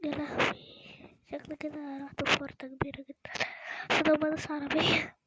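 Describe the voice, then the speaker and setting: A fast, high-pitched woman with an Egyptian Arabic accent, talking to her viewers in an anxious, excitable way. She keeps slipping into hushed whispers. The recording is noisy, with clicks in the background. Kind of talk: excited playthrough chat to viewers.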